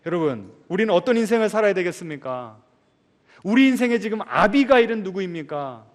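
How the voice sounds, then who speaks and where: A male pastor preaching a sermon, asking the congregation questions and answering them himself, swinging between loud emphasis and soft asides. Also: sits high, big pitch swings, fairly quick. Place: large church sanctuary. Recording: long reverb of a large church hall.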